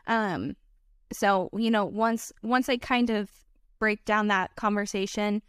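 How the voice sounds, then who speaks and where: A wedding filmmaker appears as a guest in a casual podcast chat, her mid-range voice slow and clean in a studio-quality recording with no room sound. She talks earnestly and chattily, full of "like" and "you know".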